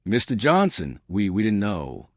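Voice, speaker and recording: A man's voice: on the low side, huge pitch swings, measured pace, no echo, studio quality, full character voice. A man voicing an awkward male airport police officer who speaks in a hesitant, official way.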